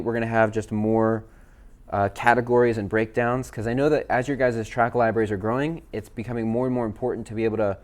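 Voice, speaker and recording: A man, a worship leader, walking viewers through app features in a relaxed, chatty way with fillers. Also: mid-range voice. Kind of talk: casual software demo. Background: backing tracks playing.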